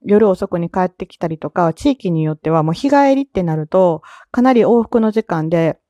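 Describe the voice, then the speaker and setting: A chatty woman with a Kansai accent talks alone into the mic in a loose, rambling way, breaking into little laughs. Her voice is mellow and warm, and the sound is close and dry with no room behind it. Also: lowish voice, lively intonation, normal speed, dry recording, highs cut off. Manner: chatty, laughs often, frequent fillers. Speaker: solo podcast talker. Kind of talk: casual solo chat.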